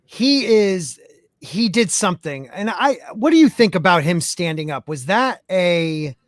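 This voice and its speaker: A man's voice: sits high, animated, no room sound, clean studio sound. Man with a robotic glitching connection. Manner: halting, filler-heavy. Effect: robotic, glitchy metallic voice from a bad online connection. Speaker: podcast host. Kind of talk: casual book discussion. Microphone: online call.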